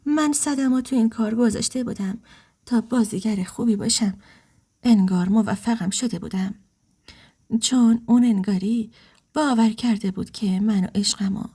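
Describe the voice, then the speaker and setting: A woman narrating a dramatic first-person story in a hushed, half-whispered, emotional way. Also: a little high, husky.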